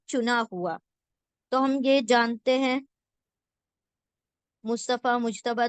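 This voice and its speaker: Slow, patient woman teacher. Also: on the high side, no echo. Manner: slow patient teaching, repeats words and asks "theek hai?". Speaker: Quran translation teacher. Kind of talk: word-by-word translation lesson.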